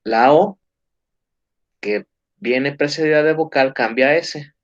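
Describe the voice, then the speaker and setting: A man talks through a grammar lesson at a slow, careful pace. He explains patiently and keeps checking that his students follow. The recording is muffled and lo-fi. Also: on the high side. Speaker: English teacher. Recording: dull, muffled lo-fi sound.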